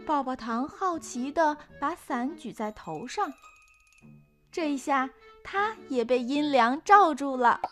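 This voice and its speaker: A woman narrates a children's cartoon story. Her voice is high-pitched, and music plays behind her. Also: expressive, slow, a bit bright.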